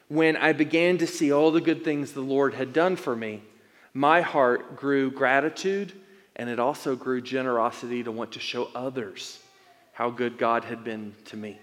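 A man in his thirties, a pastor, preaching a sermon as a personal story, moving between loud emphatic lines and soft, intimate ones. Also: medium pitch. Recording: long hall reverb.

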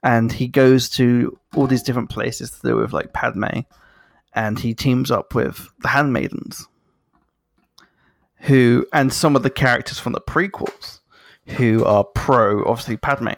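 A man chatting casually as a podcast host, animated, swearing freely and laughing through his sentences. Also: medium pitch, measured pace, creaky, no room sound, clean studio sound. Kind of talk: casual chat.

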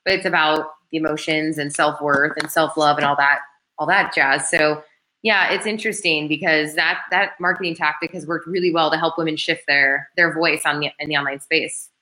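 Guest spot: chatty woman coach, low-ish voice with a bright, forceful edge. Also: normal speed, a little hiss or hum. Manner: chatty and animated, full of "like" fillers. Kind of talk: casual podcast chat.

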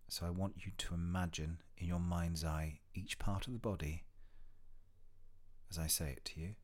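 A man leading a guided mindfulness meditation in a soft, hushed, soothing delivery, with gentle short phrases and long pauses between them. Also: deep voice, fairly even intonation. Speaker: meditation guide and podcast host.

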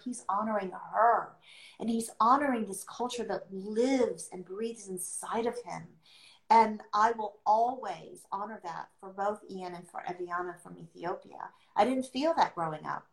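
A middle-aged woman, born outside the US and adopted into America, is a podcast host sharing her experience as an adoptive mother on a livestream. She speaks reflectively and earnestly, pausing to choose her words, in a medium-pitched voice with vocal fry. The sound is roomy and echoing.

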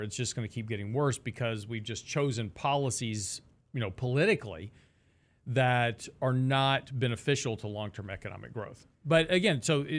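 A middle-aged man hosting a casual financial talk show, explaining with rhetorical questions and asides. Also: mid-range voice. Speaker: radio show host.

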